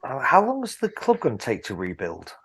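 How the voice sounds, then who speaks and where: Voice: mid-range voice, huge pitch swings, brisk, husky. A player in a tabletop game, speaking casually in character with short replies.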